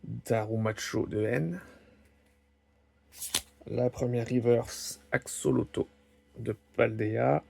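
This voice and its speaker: A man's voice: medium pitch, steady tone, gravelly, dark tone, a little hiss or hum. A man opening trading card packs and chatting casually, reading out each card name as he goes. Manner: slow, musing, lists card names one by one. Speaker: card-opening video host. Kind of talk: casual unboxing commentary. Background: crinkling card wrappers.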